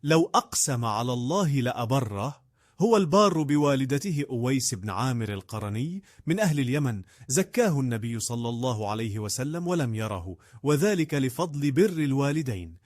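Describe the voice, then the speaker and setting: An Egyptian man delivers a scripted contest announcement. His pitch moves in a lively way and he talks at a brisk clip, with a very dry sound. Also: no echo. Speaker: contest presenter. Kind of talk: scripted promotional prize announcement.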